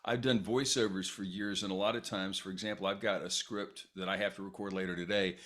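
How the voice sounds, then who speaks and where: Talkative middle-aged podcast host. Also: male voice, sits low, fairly even intonation, a little fast, a bit bright. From United States. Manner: talkative, jumps in with long follow-up questions. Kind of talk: casual interview.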